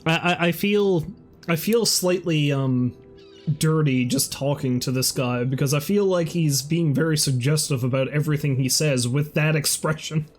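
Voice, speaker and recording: A man's voice: a little high, normal speed, faint music behind. A man casually commenting on a video game as a streamer, amused and rambling. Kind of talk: casual let's-play commentary.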